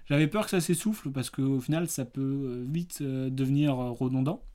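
A man's voice: medium pitch, moderate pace, warm tone. Chatty man hosting a film podcast. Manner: chatty, many hesitations and fillers; playful quiz-master teasing. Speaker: podcast host. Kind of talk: casual film review podcast.

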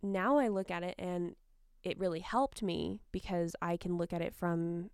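A woman chatting casually as a podcast co-host, in a soft, sultry voice with vocal fry and a frank, unbubbly manner. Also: on the low side, steady tone, normal speed, no echo, studio quality. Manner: frank, not bubbly. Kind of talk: casual chat.

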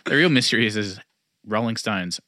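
A man chatting about old rock records in a quick, joking way, often laughing along. His voice sits a little low but has a bright, forward edge. The sound is close and dry. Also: no room sound. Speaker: podcast co-host. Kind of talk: casual chat about records.

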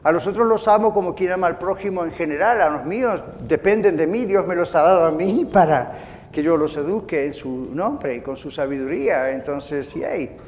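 High-voiced preaching man in a hall. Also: normal speed, slight background noise. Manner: animated preaching, acts out inner voices. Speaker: pastor. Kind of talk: sermon.

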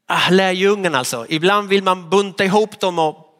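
His voice high and bright, the pastor preaches by telling stories with animation and now and then acting out their people. Long reverb from the church follows each phrase.

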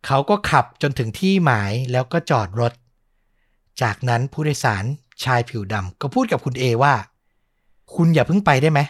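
A man's voice: mid-range voice, fairly bright tone. A man hosting a podcast, retelling a true spooky story in a chatty way with many fillers.

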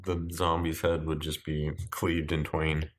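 A man's voice: very deep voice, completely flat delivery, a little slow. A man with a stuffed-up, nasal voice chatting casually as a podcast host in a dry, rambling, joking way. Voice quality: stuffed-up, nasal voice from a deviated septum. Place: at home in an apartment.

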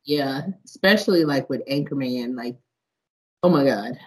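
A young woman in casual chat, slangy and animated, laughing often. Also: extremely low pitch, moderate pace, low-quality recording.

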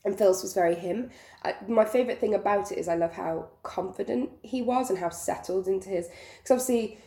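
A woman hosting a casual podcast, her voice croaky and creaky from being ill. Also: medium pitch, brisk, dark tone. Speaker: podcast host. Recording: roomy echo.

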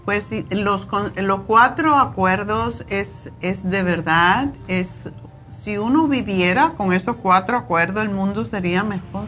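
Woman radio host, mid pitch, affirming and conversational. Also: a little slow, a bit bright, soft background music. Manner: agreeable, affirming interjections. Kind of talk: radio health talk.

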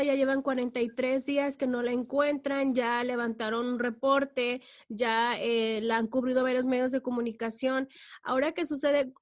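A woman with a high voice hosts a radio interview. She asks her questions gently and hesitantly, with soft fillers between them.

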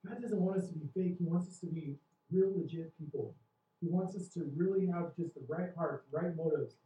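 A man's voice: on the high side, normal speed, dark tone. A man preaching a sermon as pastor, earnest and questioning the congregation, building in intensity. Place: church hall. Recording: roomy, distant, dull church recording.

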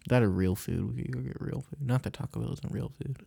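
A man's voice: mid-range voice, fast, gravelly, dark tone, husky. A man, co-hosting a casual chat and rambling through stories with fillers and laughs.

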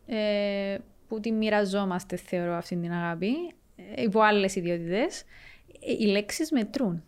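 A woman's voice: medium pitch, clean tone. A woman with a Cypriot Greek accent, conducting a conversational interview. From Cyprus.

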